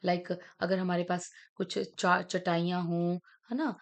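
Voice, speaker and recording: A woman teacher, leading a lesson at an unhurried pace. She stretches words out and breaks them into syllables, checking in with the class as she goes. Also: on the low side, flat delivery. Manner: slow, drawn-out teaching, sounding out syllables and mixing in English.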